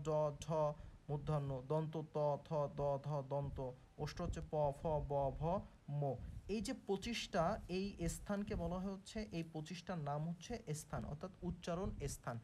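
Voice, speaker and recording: Young tutor, patient and repetitive. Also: male voice, on the high side, darkish tone, a little hiss or hum. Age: young adult. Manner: patient, repetitive step-by-step explaining. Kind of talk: online grammar lesson.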